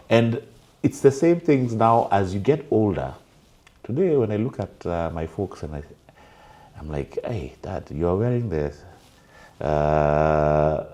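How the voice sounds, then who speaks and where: A man's voice: low-pitched, dark tone. A man, a guest in a casual panel chat, telling reflective stories with fillers.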